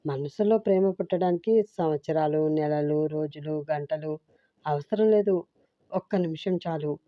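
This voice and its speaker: A kind mother-in-law of middle age, soft and reassuring, voiced by a woman narrator. The sound is close and muffled. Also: low-pitched, unhurried, no room sound. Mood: soothing. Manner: gentle, reassuring.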